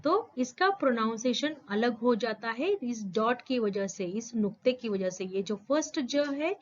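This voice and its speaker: A woman teaches young children in a slow, patient way, saying each word carefully and quizzing them back. Her voice sits a little high. The recording sounds dull and lo-fi. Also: a little hiss or hum. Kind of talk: explaining a school lesson to children.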